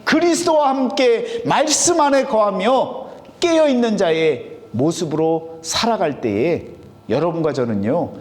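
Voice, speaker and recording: A man's voice: high-pitched, expressive, a little slow, a little mellow. A male pastor with a Chungcheong accent preaches a sermon, asking the congregation questions and answering them himself. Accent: Chungcheong Korean. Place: church sanctuary. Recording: long hall reverb.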